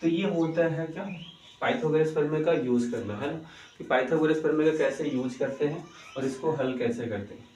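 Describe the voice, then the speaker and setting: A man's voice: on the high side, normal speed, a little mellow. A male teacher giving a maths lesson in a coaching-centre classroom. He keeps asking the class questions, answers them himself, and checks in with the students again and again. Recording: echoey room, voice heard from a distance.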